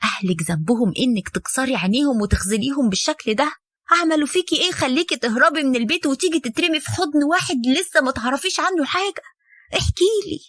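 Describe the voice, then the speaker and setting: A woman's voice: high voice, animated, fast talker, dry recording. A woman voicing a stern, weary mother-in-law who lectures her son's young wife, in Egyptian Arabic. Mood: harsh. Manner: firm, lecturing, bitter.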